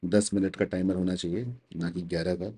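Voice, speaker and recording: A young man with an Indian accent teaches test prep live, chatty and teasing with his viewers. His voice sits somewhat low and sounds dark and mellow. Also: little pitch movement, a little fast. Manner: chatty, teasing, mixes Hindi and English. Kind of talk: casual livestream teaching.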